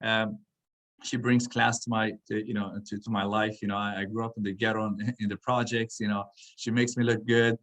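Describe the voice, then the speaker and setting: A business event speaker, Iranian-born and Swedish-raised, delivers an informal pep talk that meanders with plenty of fillers and restarts. His voice is lowish and a bit bright, level in tone, and a little quick.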